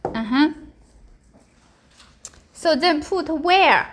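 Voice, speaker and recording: Speaking with a Chinese accent, a language teacher whose native tongue is Mandarin drills and explains in short, simple, repeated phrases, checking comprehension. Her voice sits high, with lively intonation and drawn-out words, and there is slight background noise.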